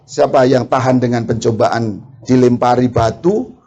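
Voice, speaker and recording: A man's voice: medium pitch, fairly even intonation, mellow, muffled recording. A male preacher, delivering a sermon and firing questions at the congregation. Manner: asks the congregation questions, quick laughs, acts out quarrels. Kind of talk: lively sermon.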